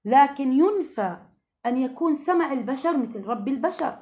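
A woman's voice: sits high, animated, moderate pace, a little mellow. A woman teaching a religious lesson to women, earnest and asking her listeners questions.

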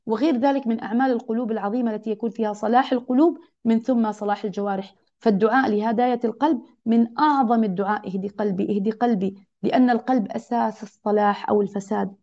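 A woman's voice: a little high, fairly even intonation, rapid-fire, dark tone. A woman teaching a religious lesson to other women, earnest and exhorting, repeating key phrases. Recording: dull lo-fi recording.

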